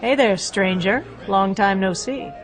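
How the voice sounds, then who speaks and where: A woman's voice: mid-range voice, a little slow, over music, natural voice. An actress playing a flirtatious, breezy and self-assured female agent in an audio drama, with a playful, teasing delivery.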